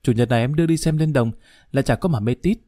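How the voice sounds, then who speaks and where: A man voicing a jealous, hot-tempered wife, a schoolteacher, who is sharp-tongued and quick to flatter. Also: mid-range voice, dry recording, studio quality, natural voice. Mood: fawning. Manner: sharp-tongued, then fawning.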